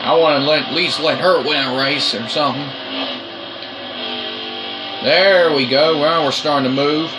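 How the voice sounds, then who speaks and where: A man giving excited commentary on his own racing game play, urgent and repetitive as he coaxes and cheers. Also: a little high, a little slow, pauses often, music in the background, rough recording.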